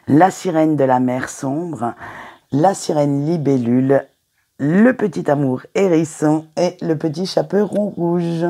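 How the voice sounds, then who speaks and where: Mellow, husky woman reading oracle cards. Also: low voice. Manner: gentle, encouraging, with hesitant fillers. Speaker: tarot card reader. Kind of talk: weekly oracle card reading to viewers.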